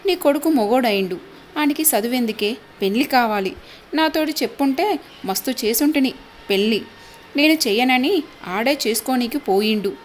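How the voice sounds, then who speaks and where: A woman voicing a stern, gruff middle-aged village father who scolds. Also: on the high side, lively intonation, normal speed, a little hiss or hum, lightly acted.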